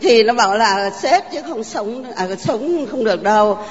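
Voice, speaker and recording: Older woman, halting heartfelt church testimony, long reverb, muffled. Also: a little high, expressive. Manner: halting, heartfelt storytelling with many fillers. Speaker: parishioner giving testimony. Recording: dull, reverberant church recording.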